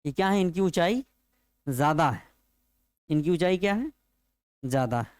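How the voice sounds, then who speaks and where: A man's voice: fairly high pitch, lively intonation, clean tone, dry recording. A male teacher giving an exam-prep geography lesson, repeating each point and turning it into a question for his students. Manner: slow, repetitive explaining.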